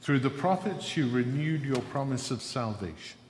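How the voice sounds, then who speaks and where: Man, presiding minister, solemn measured liturgy, cathedral echo, long ringing reverb, faint background hiss. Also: mid-range voice, expressive, a little mellow. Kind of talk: leading a liturgical prayer. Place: large church. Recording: echoey church hall, faint noise.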